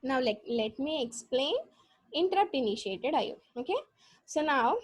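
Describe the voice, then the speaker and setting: A woman with a South Indian accent teaching a live online class, explaining step by step with repeats and halting restarts. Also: high-pitched, lively intonation, no echo. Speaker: computer science lecturer. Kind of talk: live online lesson with check questions.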